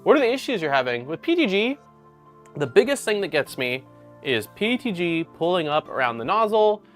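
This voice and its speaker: A man's voice: high voice, very animated, normal speed, fairly bright tone, faint music behind. A man hosting a casual livestream, talking in an upbeat, rambling way with lots of fillers. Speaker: livestream host.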